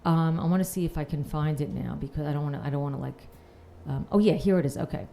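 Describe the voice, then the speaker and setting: Her voice sits low and moves quickly, warm in tone with vocal fry and a little hiss or hum. She's a Queens, New York comedian doing a dry, self-deprecating stand-up set on a panel show, sarcastically reading messages aloud as the audience laughs.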